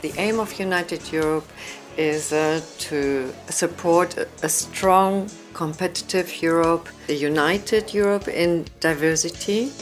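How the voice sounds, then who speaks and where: Woman, seminar organizer, formal, lowish voice, faint music. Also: takes it slowly.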